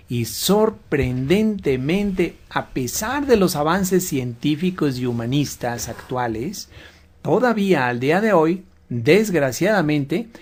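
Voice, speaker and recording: A man speaks slowly and deliberately. He sounds like a guest lecturing on a religious radio program, laying out each point in a measured way. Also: on the high side, darkish tone. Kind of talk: slow explanatory religious radio talk.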